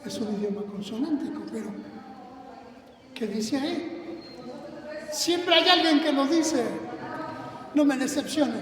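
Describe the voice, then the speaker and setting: A man teaches a sermon at a slow, deliberate pace, stopping to put questions to the congregation. He is picked up from a distance in a reverberant hall, and the murmur of a crowd comes through behind him. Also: very high-pitched. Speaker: preacher. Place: church sanctuary. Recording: echoey hall, distant mic, congregation noise.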